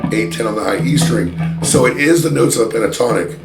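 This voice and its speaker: A man teaching a guitar lesson in a chatty, self-deprecating way, pausing to play examples. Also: mid-range voice, gravelly. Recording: roomy sound with loud guitar playing. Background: electric guitar playing.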